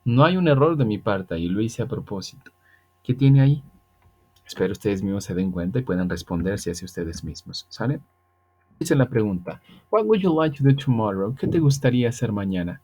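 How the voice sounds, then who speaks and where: A man, a virtual tutor explaining English grammar patiently to students, slowing down for the examples. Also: fairly low pitch, expressive, a little mellow, slightly rough. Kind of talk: online grammar lesson.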